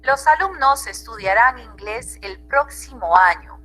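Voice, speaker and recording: A woman's voice: a little high, expressive, unhurried, fairly bright tone, poor audio. A woman teacher with a Peruvian Spanish accent, giving an online grammar class and checking in with her students often.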